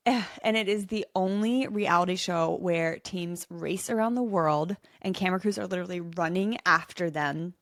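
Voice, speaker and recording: A woman's voice: lowish voice, moderate pace, hardly any pauses, dry recording, clean studio sound. A woman hosting a solo podcast, chatting in a bubbly, enthusiastic way with frequent asides. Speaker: podcast host.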